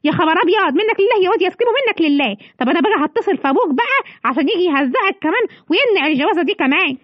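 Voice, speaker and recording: A woman's voice: very high voice, lively intonation, rapid-fire, dry recording, muffled recording. A woman with an Egyptian accent voicing an angry lioness mother in a children's toy story. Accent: Egyptian Arabic. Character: angry lioness mother, queen of the jungle's wife. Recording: music playing behind.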